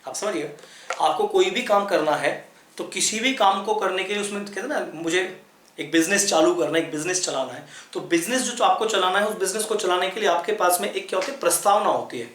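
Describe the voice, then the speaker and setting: Explaining a lesson at a chart, a man speaks Hindi while teaching English vocabulary, patiently spelling each word letter by letter. His voice is high-pitched, brisk and fairly bright, with a roomy sound.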